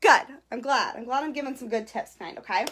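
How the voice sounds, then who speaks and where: Her voice is a little high, fast and fairly bright, with a slight hiss or hum in the recording. A young beauty vlogger, she leads a chatty live-stream eyebrow tutorial, nervous, giggly and self-conscious, greeting viewers by name and adding "okay?" to nearly every sentence.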